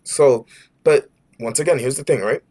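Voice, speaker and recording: A young man with a New York accent telling a personal story to camera in an animated, rambling way, full of "like", "bro" and "right?". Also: mid-range voice, moderate pace, husky. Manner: animated, frequent restarts. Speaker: vlogger. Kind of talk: casual storytime monologue.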